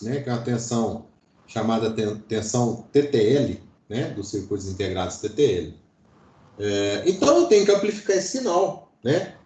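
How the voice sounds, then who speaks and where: A man's voice: mid-range voice, mellow. A Brazilian man giving an informal online electronics lecture, explaining things and often checking in with short tags. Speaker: electronics teacher. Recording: roomy, echoing online class audio.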